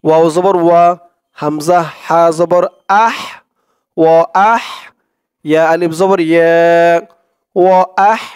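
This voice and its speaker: A man with a Bangladeshi accent teaches Arabic prayers. He spells out the syllables quickly, then chants the whole words slowly. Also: a little high, fairly even intonation, darkish tone, smooth, dry recording, studio quality. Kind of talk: spelled-out recitation lesson.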